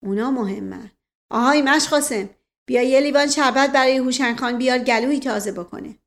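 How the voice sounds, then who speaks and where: A woman's voice: fairly high pitch, vocal fry. A woman voicing a self-important older aristocratic uncle in an audiobook, speaking with a loaded, meaningful tone. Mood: pompous.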